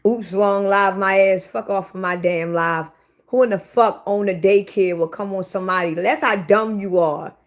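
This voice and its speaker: A woman in her forties chatting live with her viewers, bluntly and profanely talking back to commenters. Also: medium pitch. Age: 40s. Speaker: livestream host. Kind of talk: casual livestream chat with viewers.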